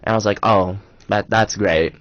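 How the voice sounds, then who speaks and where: A young man co-hosting a college radio show, telling a story in an animated, exasperated way. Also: lowish voice, moderate pace, no room sound, highs cut off. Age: young adult. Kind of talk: casual storytelling chat.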